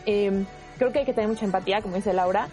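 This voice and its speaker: Loud, animated Mexican woman teacher. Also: mid-range voice, fast, soft background music. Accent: Mexican Spanish. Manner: loud, animated speaker who gestures a lot. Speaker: university teacher. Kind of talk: casual testimonial about online teaching.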